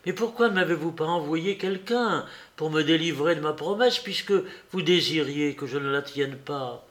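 A man reading aloud, voicing a proud, hot-tempered young woman who speaks in a sharp, raised, reproachful voice. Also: fairly high pitch, moderate pace, close to an everyday voice. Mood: indignant. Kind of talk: audiobook character reading.

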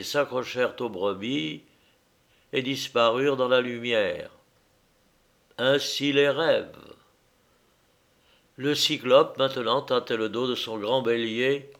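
Slow, measured male storyteller. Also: medium pitch, fairly bright tone. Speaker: narrator. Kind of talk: literary audiobook reading.

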